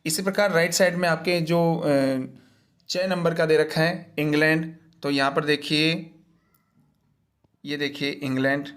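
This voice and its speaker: Slightly high-voiced man explaining worksheets. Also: steady tone, unhurried, long pauses, fairly bright tone. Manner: patient, repetitive step-by-step explaining. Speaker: teacher.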